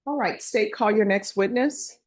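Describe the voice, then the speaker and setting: A woman presides as judge in a courtroom recording, her voice a little husky. She gives brisk procedural instructions to the court at an even middle pitch.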